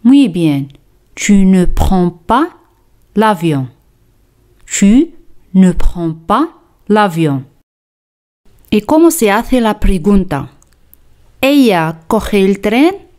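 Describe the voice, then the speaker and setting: Slow, deliberate woman teaching French. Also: medium pitch, sing-song, a little mellow. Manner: slow, deliberate, repeats phrases for drilling. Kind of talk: slow scripted language lesson.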